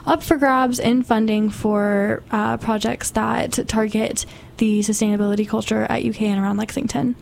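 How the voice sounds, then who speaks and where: A woman's voice: medium pitch, a little mellow, slight background noise. Upbeat woman hosting a radio show. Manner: upbeat, smooth reading of announcements. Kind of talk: radio interview and announcements.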